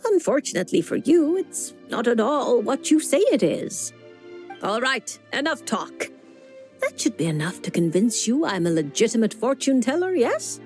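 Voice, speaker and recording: A woman playing a creepy, knowing old witch-like fortune teller in a video game, speaking in a measured, cryptic and teasing way. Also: on the high side, very animated, darkish tone, faint music behind. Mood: cryptic, matter-of-fact. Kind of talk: video game character dialogue.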